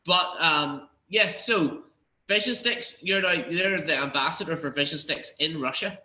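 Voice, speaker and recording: Male co-host, bright forceful voice, upbeat, in an echoey room. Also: fairly high pitch, measured pace. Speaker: podcast co-host. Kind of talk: casual podcast chat.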